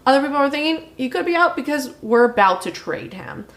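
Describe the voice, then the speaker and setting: A woman's voice: sits high, expressive, fairly quick, fairly bright tone. A woman co-hosting a casual sports podcast, rambling and self-mocking as she talks through her team's preseason. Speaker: podcast co-host. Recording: echoey room.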